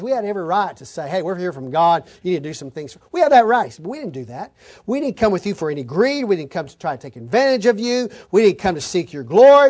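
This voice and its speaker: A man's voice: high-pitched, a little mellow. A man preaching an expository sermon, reading scripture aloud and then explaining it with folksy stories and asides.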